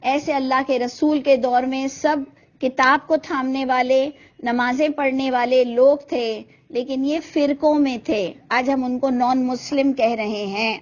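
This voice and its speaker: A woman's voice: high voice, lo-fi sound. A woman teaching an online Quran commentary class, speaking earnestly, asking rhetorical questions and mixing in English words. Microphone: video call.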